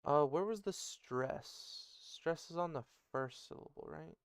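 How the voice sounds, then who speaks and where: A man's voice: a little high, measured pace, creaky, clean tone, no room sound, clean studio sound. A man thinking aloud as he works on an invented language, muttering and correcting himself. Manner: muttering, self-correcting, musing. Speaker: conlang creator. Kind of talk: thinking aloud while working.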